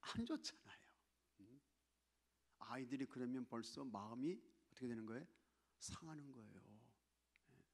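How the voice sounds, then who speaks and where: Male pastor, gravelly voice, preaching in a church, shifts between loud exhortation and hushed whispers. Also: medium pitch, lively intonation, moderate pace, long pauses. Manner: exhorting congregation, drops to near-whisper for emphasis. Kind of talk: sermon. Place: church sanctuary.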